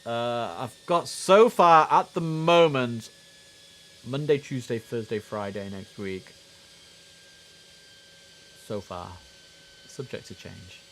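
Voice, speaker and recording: Speaking slowly with long pauses, a medium-pitched man hosts a laid-back game livestream and occasionally adopts clipped air traffic radio phrasing. The audio quality is poor and carries steady background noise.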